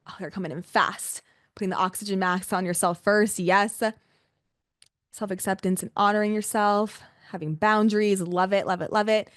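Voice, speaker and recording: A woman's voice: mid-range voice, fairly even intonation, moderate pace, no echo, clean studio sound. A woman hosting a live online workshop in a casual, gushing, chatty way, with lots of "like" and repeated exclamations. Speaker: workshop host and coach. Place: live video-call session with a camera, indoors.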